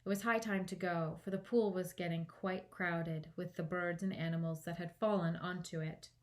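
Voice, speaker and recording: A woman reading a children's audiobook aloud as a storytime librarian, in an expressive narrating style. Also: on the low side, normal speed.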